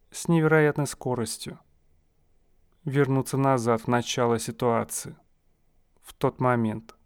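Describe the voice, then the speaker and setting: A man guiding a listener through a hypnosis session, speaking in slow, soothing, suggestive phrases. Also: mid-range voice, a little mellow, dry recording, studio quality.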